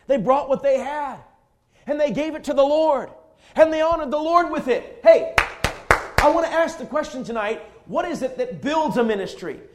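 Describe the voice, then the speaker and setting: A man's voice: extremely high pitch, animated, moderate pace. A man in his forties preaching a fervent, emphatic sermon full of repetition. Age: 40s.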